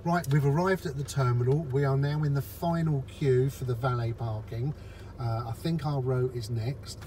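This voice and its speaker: Driving through traffic, a man talks viewers through each step in a chatty, casual narration. He has a medium pitch, fairly even intonation and a moderate pace. As a vlogger recording in his car, he's accompanied by road noise.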